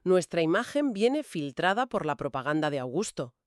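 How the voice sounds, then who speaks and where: A podcast co-host with a measured, explanatory manner, laying out history points one by one in casual conversation. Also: mid-range voice, sing-song, no room sound, clean studio sound.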